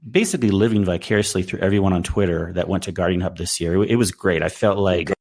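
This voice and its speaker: Low gravelly podcast host. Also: male voice, fast talker, darkish tone. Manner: upbeat, laughs often, loose restarts. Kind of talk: casual podcast chat. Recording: voice call over chat app.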